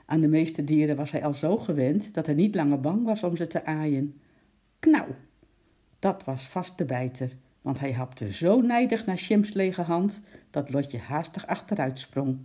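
Storybook reader with a very dark, mellow tone, steady and expressive. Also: mid-range voice. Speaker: narrator. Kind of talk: reading a children's storybook aloud.

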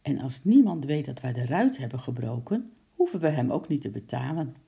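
A reader voicing a cocky big boy, dark husky tone. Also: medium pitch, very animated, fairly quick, full character voice. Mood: scheming. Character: bold older boy, cocky ringleader.

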